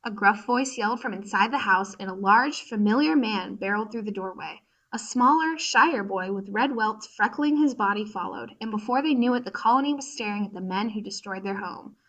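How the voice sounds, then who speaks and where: A woman narrating a storybook in an expressive, descriptive reading. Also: mid-range voice, brisk, hardly any pauses, dull audio.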